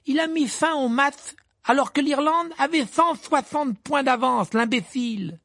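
A man voicing an agitated, hot-tempered teenage boy in an audiobook, shouting indignant outbursts. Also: very high-pitched, measured pace, dry recording, pitched above the performer's own voice, full character voice. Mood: outraged.

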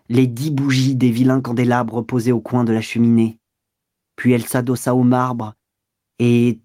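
A man narrates a classic novel in measured, even audiobook style. His voice sits at an ordinary middle pitch. The recording is close and dry. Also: no echo.

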